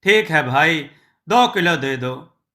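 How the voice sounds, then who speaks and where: A hearty, easygoing village neighbor man, friendly and sympathetic, as a male narrator puts him on. He speaks slowly in a bright, slightly high voice. He suits a storybook tale. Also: animated, exaggerated voice.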